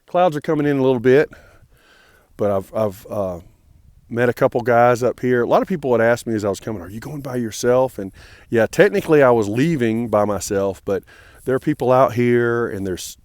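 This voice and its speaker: A man's voice: mid-range voice, darkish tone, no echo, studio quality. A man vlogging casually outdoors on a mountain trail, friendly and rambling, with many fillers and restarts. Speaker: hiker vlogging his trail days.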